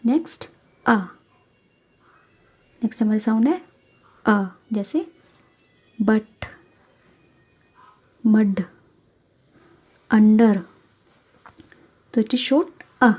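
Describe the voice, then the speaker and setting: A young woman teaching English phonics in a slow, careful way, repeating each example word. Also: a little high, animated, husky. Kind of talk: phonics lesson in Hindi-English mix.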